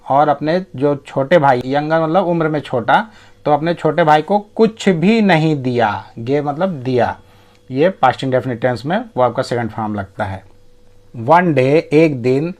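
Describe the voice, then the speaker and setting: A man teaching English through a short story. He reads each English sentence slowly, then translates and explains its grammar at length. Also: a little high. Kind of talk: bilingual lesson reading a story.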